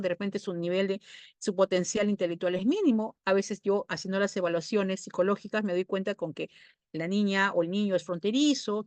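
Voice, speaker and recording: A woman's voice: medium pitch, darkish tone, no echo. Peruvian lady psychologist chatting to parents, dry close sound, lots of "¿no?". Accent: Peruvian Spanish. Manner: conversational, asks "¿no?" often, acts out parents and children in quick asides. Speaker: child psychologist giving a parenting talk. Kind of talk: informal educational talk.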